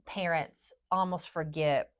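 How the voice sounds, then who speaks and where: A woman's voice: low-pitched, slow. Emphatic woman podcast host. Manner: emphatic, animated storytelling with acted-out quotes. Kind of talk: casual podcast chat.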